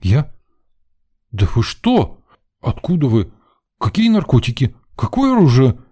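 A man's voice: mid-range voice, huge pitch swings, a little slow, warm tone, slightly rough, voice pushed up, heavily acted. A man playing a flustered young student journalist. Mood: indignant. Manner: flustered, defensive, stammering. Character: nervous, indignant young male journalism student.

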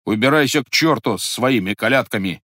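A man doing a stern, shouting young blacksmith. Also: medium pitch, expressive, measured pace, no echo, studio quality, voice pushed up. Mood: angry shouting. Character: young burly blacksmith, stern and hot-tempered.

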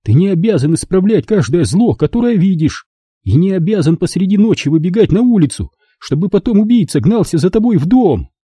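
Guy putting on a high shrill mom yelling at her kid in an audiobook, husky under it. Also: very animated, brisk, dry recording, clean studio sound, heavily acted. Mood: angry scolding. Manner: shouting, scolding, pleading. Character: frightened angry mother, middle-aged woman. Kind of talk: audiobook reading.

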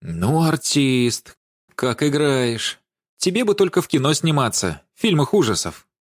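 A man's voice: medium pitch, very animated, a little slow, no echo, studio quality, pitched above the performer's own voice. A man reading an audiobook and voicing an indignant young woman who cuts her lover down with scorn. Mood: mocking. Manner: scornful, accusing, cutting.

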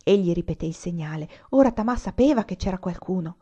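A woman reading a novel aloud in steady, gentle narration. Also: on the low side, fast, breathy edge, muffled recording. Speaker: audiobook reader.

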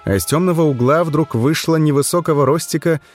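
A man's voice: fairly high pitch, brisk, faint music behind. A man narrating an audiobook in a wry storytelling manner. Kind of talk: scripted narration.

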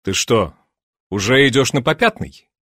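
A man reading an audiobook and voicing an excitable, imperious grand duke who barks orders and laughs. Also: medium pitch, normal speed, no room sound, clean studio sound. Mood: commanding. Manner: commanding, shouting eagerly, laughing.

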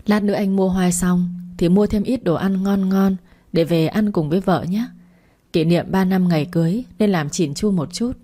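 Kind, teasing young chairman read by a woman, low and mellow, storybook delivery. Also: moderate pace, natural voice. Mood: warm.

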